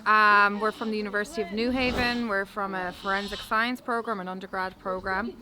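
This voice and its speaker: A woman's voice: medium pitch, steady tone, brisk, low-quality recording. A woman with a west of Ireland Galway accent, introducing herself casually on camera like a lecturer on a field trip. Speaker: university lecturer leading a student field trip.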